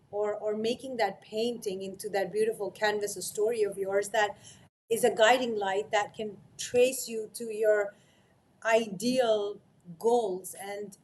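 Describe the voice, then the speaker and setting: A woman's voice: mid-range voice, darkish tone. A woman hosting a podcast interview, asking questions in an effusive, gushing way. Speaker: podcast host. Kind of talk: casual interview talk.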